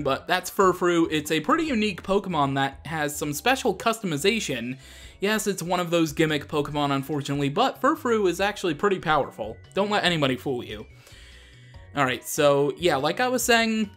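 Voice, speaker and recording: Video game music runs behind a man whose voice is on the high side and a bit bright. As a gaming show host, he provides easygoing, chatty gameplay commentary, often poking fun at himself.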